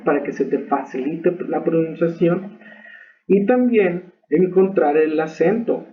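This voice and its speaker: A man teaching English pronunciation in a recorded lesson, explaining patiently and checking in with "ok?". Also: a little high. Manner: slow, patient explaining with frequent "ok?" check-ins. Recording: tinny phone-like audio.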